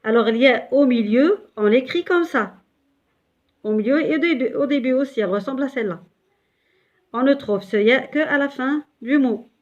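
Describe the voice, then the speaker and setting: The recording is lo-fi, and the woman's voice sits high and moves at a normal speed. As an Arabic teacher, she guides beginners slowly, one step at a time. She repeats syllables patiently and uses a few hesitant fillers.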